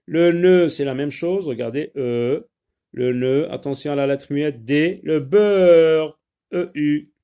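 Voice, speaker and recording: A man's voice: mid-range voice, a little slow, mellow. A man teaching a French spelling lesson, spelling out words letter by letter and stressing each dictated word. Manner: addresses pupils and parents directly.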